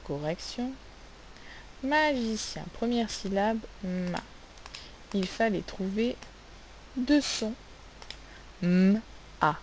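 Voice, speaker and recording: A woman teaching a phonics lesson, sounding out letters and syllables slowly and asking the class questions. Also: fairly high pitch, animated, rough recording. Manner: slow, carefully spelled-out sounds, asks questions. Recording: faint hiss.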